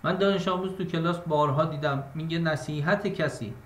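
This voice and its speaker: A male teacher giving an online exam-prep class on poetic meter. He explains step by step, talks straight to his students in a casual way, and chants verses slowly. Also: fairly high pitch, steady tone. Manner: addresses students directly and casually. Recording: echoey room.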